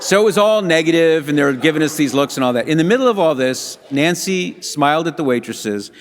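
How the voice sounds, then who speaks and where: A man's voice: on the high side, animated, fairly quick, a little hiss or hum. A man giving a humorous storytelling talk at a conference, acting out the voices of the people he quotes. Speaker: conference speaker. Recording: long hall reverb.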